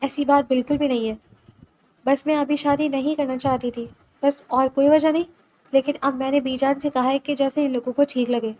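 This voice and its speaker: A woman's voice: high-pitched, fairly even intonation, darkish tone, natural voice. A woman reading the part of a tearful young college student in a storybook reading, with a plaintive manner. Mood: quiet.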